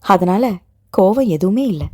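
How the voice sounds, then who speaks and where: A woman voicing a protective young man who comforts his fiancée and gently scolds her. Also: high-pitched, lively intonation, a little slow, dry recording. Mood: tender reassurance.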